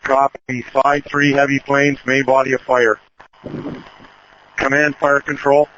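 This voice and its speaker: A man's voice: medium pitch, little pitch movement, unhurried, pushed and bright. A man working as a fire control officer, making urgent, procedural firefighter radio calls in clipped phrases over a two-way radio. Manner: procedural, clipped call-and-response. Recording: muffled radio with faint noise, clicks.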